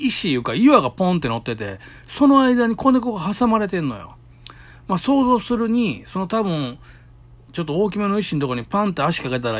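A middle-aged man with a Kansai accent, chatting alone into his podcast and acting out the voices in his stories. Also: a little high. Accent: Kansai Japanese. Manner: chatty storytelling, acts out quoted voices. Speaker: solo podcaster. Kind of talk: casual solo talk.

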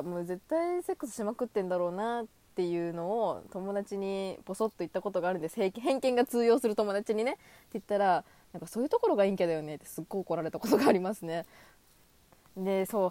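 Casting: woman in her 20s, solo podcast chat, animated and giggly, swooping pitch, dry close mic. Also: a little fast, no room sound. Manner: animated, high-energy, acts out imagined dialogue; self-deprecating, giggly. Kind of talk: casual solo monologue.

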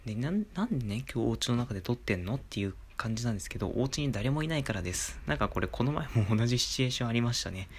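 A young man hosting his own talk show, speaking quietly at home into a phone mic in a relaxed, chatty way. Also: rapid-fire, few pauses, slight background noise. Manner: hushed, low-volume talk with soft laughs and filler. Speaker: podcast host. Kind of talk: casual solo talk. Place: inside his home, alone. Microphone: phone microphone.

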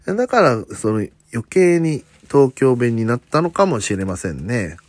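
A man's voice: medium pitch, big pitch swings, unhurried, no room sound. A man from Osaka talking casually in a solo podcast, mostly in standard Japanese with faint Kansai traces, chatty and self-deprecating. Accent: slight Tokyo-leaning standard Japanese with faint Kansai traces. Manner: chatty, self-deprecating, frequent "un" fillers and joking asides. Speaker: comedian hosting a solo talk podcast.

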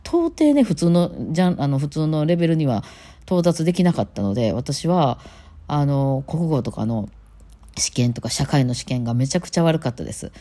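A woman's voice: low voice, lively intonation, moderate pace, mellow. A woman musician with a Kansai accent, talking casually on her own show and rambling with lots of fillers. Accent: Kansai Japanese. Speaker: musician and podcast host. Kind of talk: casual solo talk.

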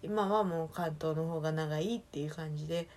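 A woman from Osaka speaking with a Kansai accent, chatting casually alone in a relaxed, rambling way that keeps correcting itself. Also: sits low, fairly quick. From Osaka, Japan. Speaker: solo podcast talker. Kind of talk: casual solo chat.

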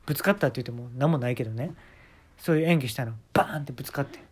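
A man's voice: medium pitch, very fast, husky. A man with a Kansai accent telling a comic story in a casual, wry, exasperated way into a phone mic. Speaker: podcast host.

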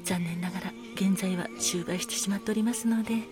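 A podcast host performs a scripted solo radio drama, voicing the courteous master of a seaside cocktail bar with formal, polite hospitality. Her voice is medium-pitched, a little fast and fairly even in intonation, with music playing behind her.

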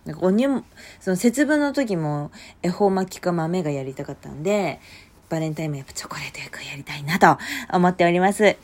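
A young woman hosting a casual solo podcast late at night, chatty and lively, often bursting into a louder voice. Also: fairly low pitch, brisk. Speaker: podcast host. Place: home at night.

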